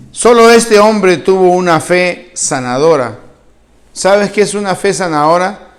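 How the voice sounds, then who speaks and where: A Venezuelan man preaching a sermon with a fairly high voice, telling the story with animation. He puts questions to the congregation and acts out each speaker's words with a changing voice. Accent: Venezuelan Spanish. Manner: acts out the quoted speakers with a shifting voice. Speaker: pastor.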